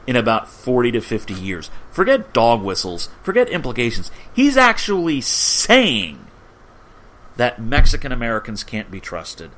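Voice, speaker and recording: A man's voice: a little fast, few pauses. Emphatic man arguing politics on a podcast. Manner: emphatic, argumentative, lively swings in pitch. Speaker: podcast co-host. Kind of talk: casual political discussion.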